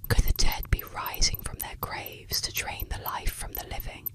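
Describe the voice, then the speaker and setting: A woman narrating eerie tales as ASMR, in a soft unvoiced whisper close to the ear. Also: moderate pace. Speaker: ASMR storyteller. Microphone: close ASMR microphone.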